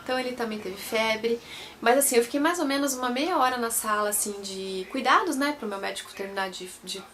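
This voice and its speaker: Higher-voiced Brazilian woman telling a personal story. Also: a little fast, fairly bright tone. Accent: Brazilian Portuguese. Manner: chatty, repeats and corrects herself, addresses viewers as gente. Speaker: vlogger.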